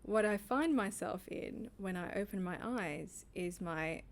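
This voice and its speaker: A woman's voice: medium pitch, measured pace, slight background noise. A woman co-hosting a podcast, telling a personal story in casual chat and laughing often. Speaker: podcast co-host.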